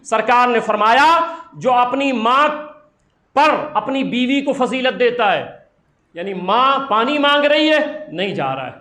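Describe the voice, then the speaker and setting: A male preacher with a very high, sharply bright voice delivers an impassioned sermon, driving points home through repetition. His voice rings out in a roomy, echoing hall. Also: animated. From India. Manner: impassioned storytelling with emphatic repetition. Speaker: Islamic preacher.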